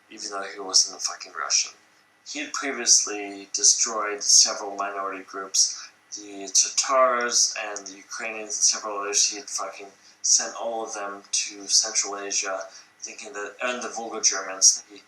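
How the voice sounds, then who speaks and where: Drunk man rambling, profane, bright voice. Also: on the low side, roomy sound, poor audio. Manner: profane, slurring, rambling, acts out quotes. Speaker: drunk storyteller. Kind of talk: tipsy rambling retelling of history.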